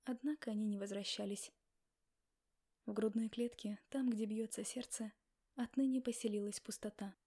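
A woman narrating a first-person novel in a quiet, reflective way. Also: medium pitch, fairly even intonation, normal speed. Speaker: audiobook reader.

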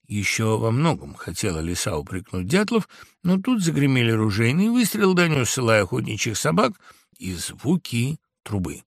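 A man narrating a fairy tale for an audiobook in an expressive storytelling manner. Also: mid-range voice, normal speed, gravelly, no echo, studio quality.

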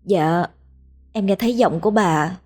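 A woman's voice: on the low side, measured pace, a little mellow, slightly rough. A woman voicing a poor, timid young wife who pleads and sulks. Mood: uneasy.

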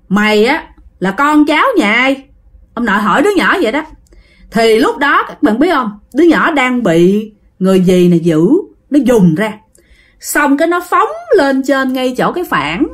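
Chatty woman telling ghost stories. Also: on the high side. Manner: chatty, addresses listeners directly. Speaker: storyteller. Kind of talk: ghost story narration.

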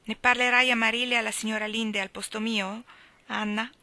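Female narrator doing a small naughty boy, pleading and emphatic, pitched up, louder, bright and dry. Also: flat delivery, a little fast, no echo. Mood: earnest. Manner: pleading, emphatic childlike delivery. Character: small boy, mischievous, contrite and earnest. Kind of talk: audiobook reading.

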